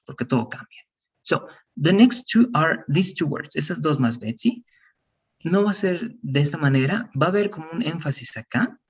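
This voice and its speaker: A man's voice: mid-range voice, creaky, husky, recorded from a distance, highs cut off. A man teaching an English pronunciation lesson, patient and encouraging, mixing Spanish explanations with English examples.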